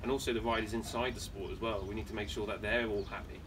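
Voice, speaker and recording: A man's voice: lowish voice, fairly even intonation, quick pace. A man from Wales, a professional BMX rider talking casually in a podcast interview, rambling with many fillers and restarts. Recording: distant mic with clear background noise.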